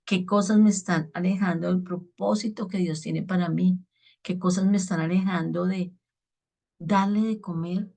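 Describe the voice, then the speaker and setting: A woman preacher speaks in a somewhat low voice, giving an earnest reflection on the daily gospel. She keeps checking in with her listeners as she talks. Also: creaky, warm tone.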